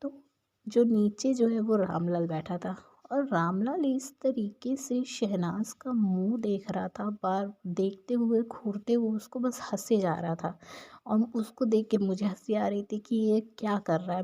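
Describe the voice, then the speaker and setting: Chatty woman recapping a show, mellow. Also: medium pitch, unhurried. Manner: chatty, opinionated storytelling. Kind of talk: casual episode recap narration.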